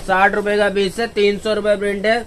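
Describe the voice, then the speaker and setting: Shopkeeper, male, high and flat-toned, steady price patter, filmed on a phone in a busy shop with a faint hiss behind. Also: brisk. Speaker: wholesale shopkeeper. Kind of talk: sales pitch. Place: crowded cosmetics shop, indoors.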